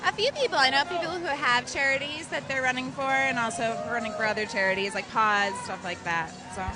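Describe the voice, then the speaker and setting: A woman's voice: high-pitched, a little fast, rough recording. A woman spectator chatting casually in a street interview. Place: outdoors on a city street. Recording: loud music and crowd outdoors. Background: loud music and crowd.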